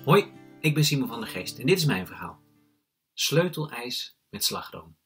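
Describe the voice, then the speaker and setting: A man, a children's author, reading his own story aloud in an animated way and acting out the dialogue. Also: mid-range voice, normal speed, faint music behind.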